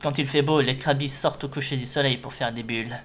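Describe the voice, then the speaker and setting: A man's voice: mid-range voice, fairly even intonation, fast talker, fairly bright tone, slight background noise, lightly acted. Man voicing an earnest, friendly young game creature. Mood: wonder. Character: friendly, concerned young Pokémon who loves the beach.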